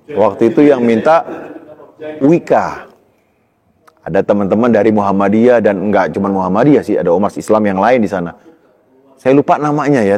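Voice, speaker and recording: A man recounting his life story in casual talk, animated and rising high when tense. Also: big-room sound. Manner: animated storytelling, pitch jumps high in tense moments, laughs between lines. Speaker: guest telling his story. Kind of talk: personal testimony in casual talk.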